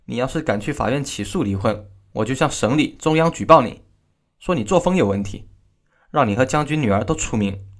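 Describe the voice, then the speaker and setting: A man's voice: medium pitch, lively intonation, a little fast, natural voice. A man voicing a defiant wronged wife. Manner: defiant, firm delivery. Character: wronged schoolteacher wife in her thirties, stubborn and defiant. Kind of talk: storytelling narration.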